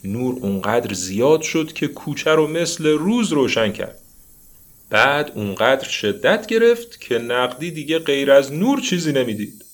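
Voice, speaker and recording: A man's voice: mid-range voice, animated. A man narrating a children's story expressively, with asides to the listeners.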